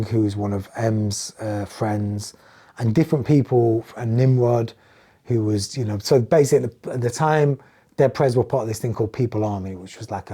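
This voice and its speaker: A man's voice: on the low side, husky. A middle-aged man from England with an English accent, a music producer telling stories as a podcast guest and acting out the lines of the people in them. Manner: animated storytelling, acting out quoted dialogue. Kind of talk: casual podcast conversation.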